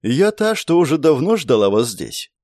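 A man voicing a serene, ageless female spirit who lives in a pendant, speaking melodically and calmly, in a storybook reading. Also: medium pitch, normal speed, no room sound, studio quality, pitched above the performer's own voice. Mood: calm, melodic. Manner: melodic, calm, explaining patiently.

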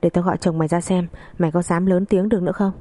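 A woman's voice: steady tone, rapid-fire, dark tone, no echo, close to an everyday voice. A woman voicing a spiteful, bullying older mother-in-law who scolds and abuses her daughter-in-law. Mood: scolding. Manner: shrill, scolding, abusive.

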